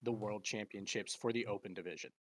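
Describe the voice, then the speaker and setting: A man's voice: on the low side, steady tone, a little fast, a little hiss or hum. A man from Nevada hosting a podcast, reading out results in casual chat with a playful streak. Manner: reads out results, playful about stirring drama. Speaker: podcast host.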